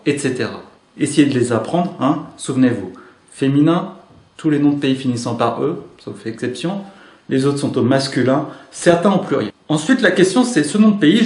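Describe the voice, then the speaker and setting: A man giving a grammar lesson straight to his viewers, pitched in the middle range. He talks with lively, clear emphasis, like a teacher. The room around him rings with noticeable echo. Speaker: French teacher. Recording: echoey room.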